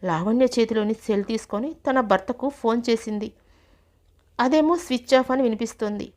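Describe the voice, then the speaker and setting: A woman narrates a family drama story with steady, descriptive reading. Her voice sits somewhat high for a woman and stays even and plain. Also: normal speed.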